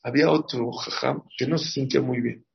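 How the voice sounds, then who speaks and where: A man's voice: medium pitch, fairly even intonation, fairly quick, creaky. A man gives a sermon as a rabbi, acting out the dialogue of his stories with animation. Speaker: rabbi giving a talk. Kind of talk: storytelling sermon. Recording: dull lo-fi recording.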